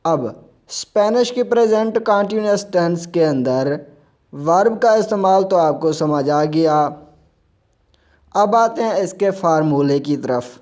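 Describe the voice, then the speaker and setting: A man's voice: high voice, expressive, a little slow, a little mellow. A man with an Urdu accent teaching a spoken language lesson, spelling out letters and repeating example sentences.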